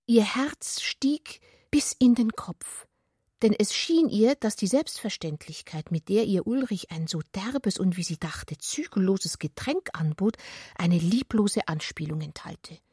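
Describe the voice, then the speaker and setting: This is a woman's literary narration for radio, read from a script in a mid-range voice. Her delivery is breathy, intimate and expressive, deliberately paced and frequently sinking into a whisper. It was recorded dry on a close studio microphone, with clean studio sound.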